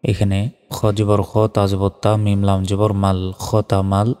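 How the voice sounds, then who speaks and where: A man's voice: fairly low pitch, monotone, takes it slowly, dark tone, clear, resonant tone. A man teaching Quran reading, spelling each letter and vowel in turn and then chanting the whole word in a melodic recitation. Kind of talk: slow spelling-out recitation lesson. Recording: reverberant with faint background music.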